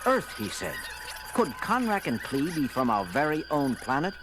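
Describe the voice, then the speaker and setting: Male actor as theatrical space captain, earnest and commanding, highish voice, widely swinging delivery, audio drama. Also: wildly swooping pitch, normal speed. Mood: grave narrating. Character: commanding male starship captain recounting a tense space adventure. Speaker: voice actor and first-person narrator. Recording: loud music, some vinyl-like pops. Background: loud dramatic orchestral music.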